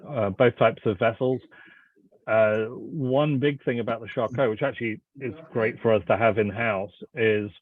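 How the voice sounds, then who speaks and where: Phone-like, lowish-voiced man presenting informally. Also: no room sound. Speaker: cruise company representative. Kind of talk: informal presentation answering questions. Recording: thin phone-like line.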